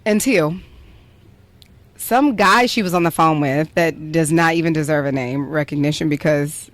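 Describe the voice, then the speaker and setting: A woman's voice: deep voice, moderate pace, dry recording. Chatty woman podcast host telling a story. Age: young adult. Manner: chatty, peppered with "like", playful. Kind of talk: casual chat, storytelling.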